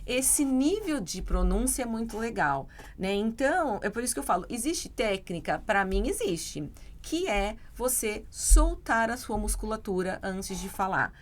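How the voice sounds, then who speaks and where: A woman's voice: medium pitch, sing-song, a little slow, hardly any pauses. A Brazilian woman English teacher co-hosting a podcast, chatting casually and explaining with examples and frequent tag questions.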